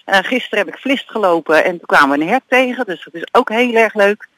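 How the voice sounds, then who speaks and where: A woman calls in to a radio interview while she walks outdoors. Her voice is bright and forward, dry and close to the mic. She chats eagerly, with plenty of hesitations. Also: medium pitch, animated, fast, no echo, poor audio. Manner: chatty and enthusiastic, frequent hesitations. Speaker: guest from a regional fund. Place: outdoors, on a walk.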